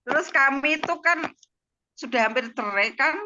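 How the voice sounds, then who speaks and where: A woman's voice: sits high, animated, moderate pace, sharp tone. Javanese-accented woman, lo-fi video call. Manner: emotional storytelling, frequent tag words. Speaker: guest giving a testimony. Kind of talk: personal testimony over a video call.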